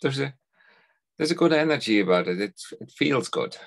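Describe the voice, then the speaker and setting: Over a video call from a bookshelf-lined home study, a middle-aged man from the Netherlands is interviewed in a conversational style. His mid-range voice has lively intonation and vocal fry, carrying a Dutch accent, and he's thoughtful and unhurried, often repeating words at the start of sentences.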